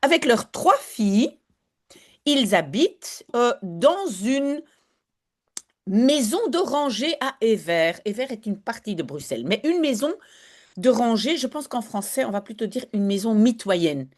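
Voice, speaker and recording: A chatty woman gives an online language lesson. Her voice sits a little high and swoops up and down, lively as she explains. She breaks off to slowly sound out words. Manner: chatty and lively, apologizes for digressions, models pronunciation slowly. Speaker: Dutch teacher.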